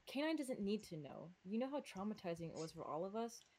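A woman with a slight lisp reading the lines of a bitter young man haunted by guilt, in her own low voice. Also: big pitch swings, fairly quick, warm tone.

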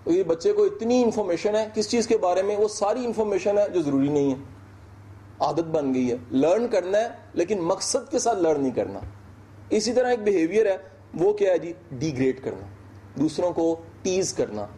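A man's voice: sits high, warm tone. A man giving a conversational motivational lecture, acting out little dialogues to make his points. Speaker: motivational speaker.

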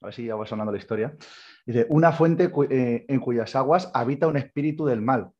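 A man from Spain with a husky voice casually retells an old legend on a podcast, slipping into the characters' lines as he goes. The recording sounds a little dull and lo-fi. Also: mid-range voice, fairly quick, a little mellow. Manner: retells a tale loosely, acting out characters' lines. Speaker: podcast co-host. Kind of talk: casual storytelling. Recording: slightly dull lo-fi audio.

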